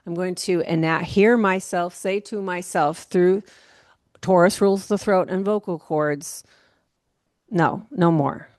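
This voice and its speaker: A woman astrologer giving a casual monthly horoscope talk, rambling and relaxed, with many fillers and soft laughs. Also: lowish voice, a little slow, no room sound, clean studio sound. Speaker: astrologer host.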